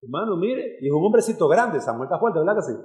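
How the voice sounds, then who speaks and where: A man's voice: high voice, big pitch swings, fast talker, darkish tone, reverberant. A man preaching a sermon as pastor, earnest and direct, speaking to his congregation as brothers and sisters. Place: church hall.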